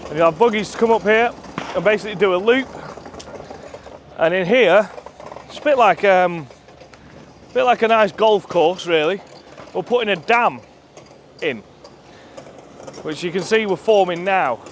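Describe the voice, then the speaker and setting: A man's voice: sits high, moderate pace, pauses often, slight background noise. A man giving a casual walking tour of his shooting ground to a companion filming, chatty and enthusiastic with plenty of ums, a little out of breath. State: out of breath while walking uphill. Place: outdoors at a shooting ground, then inside a clubhouse. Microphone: camera held by a companion filming.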